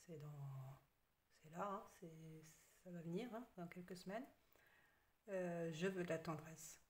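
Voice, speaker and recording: A woman giving a casual tarot card reading, hesitant with many fillers and soft half-whispered asides. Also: on the low side. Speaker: tarot reader.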